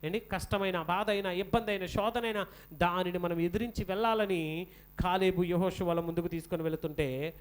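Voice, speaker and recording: A man preaching a sermon with a Telugu accent, animated, often asking and answering his own questions. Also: high-pitched, fairly quick, clean tone.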